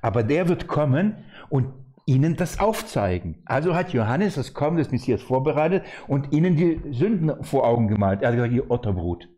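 Guy preaching a sermon, warm mellow voice, lively and emphatic, keeps throwing questions at the crowd. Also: medium pitch, brisk, hardly any pauses. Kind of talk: sermon, Bible exposition.

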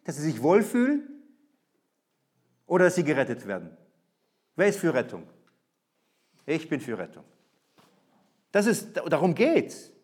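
A man preaching with a fairly high voice. He builds his points through repetition and swings between forceful emphasis and near-quiet asides. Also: wildly swooping pitch, unhurried, pauses often, slightly rough. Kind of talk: sermon.

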